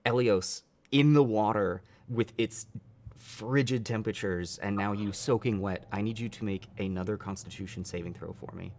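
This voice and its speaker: A man narrating a live tabletop game as dungeon master, unhurried and halting, with many fillers. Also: on the low side, darkish tone.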